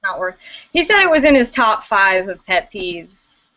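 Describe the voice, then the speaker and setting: A woman's voice: medium pitch, very animated, measured pace, pushed and bright. A woman co-hosting a casual drinking chat, wisecracking and laughing often. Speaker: podcast co-host. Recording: dull lo-fi recording.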